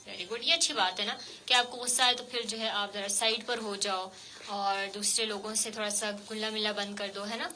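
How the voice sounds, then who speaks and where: Bright-voiced female radio host, gently coaxing. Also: medium pitch, fairly even intonation, slight background noise. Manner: gentle, coaxing questions with many fillers. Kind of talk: interviewing a child guest on radio. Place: radio studio.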